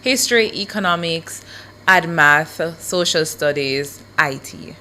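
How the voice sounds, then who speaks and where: A woman's voice: deep voice, lively intonation, takes it slowly, sharp tone, slight background noise. Easygoing young woman co-host. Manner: easygoing, laughs readily. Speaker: radio co-host. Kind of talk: casual radio chat.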